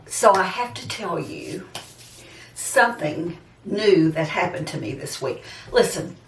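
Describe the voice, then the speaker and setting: This vlogger, a woman aged seventy-six, talks to her viewers directly in a loose, rambling, personal way. Her lowish voice is animated yet unhurried, with roomy echo from a distant microphone.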